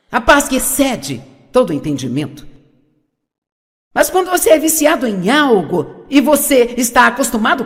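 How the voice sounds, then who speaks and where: A woman's voice: high-pitched, big-room sound. A woman preaching a sermon, asking the audience questions and repeating her key points.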